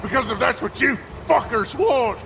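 A man doing a high, menacing bandit chief. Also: animated, moderate pace, vocal fry, very noisy, exaggerated voice. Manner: bullying, profane, menacing. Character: ruthless male bandit leader shouting threats.

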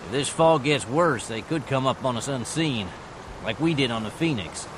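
Man acting a commanding crewman, medium pitch, terse practical delivery, audio adventure, noisy ambience. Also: expressive, moderate pace, natural voice. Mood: wary, practical.

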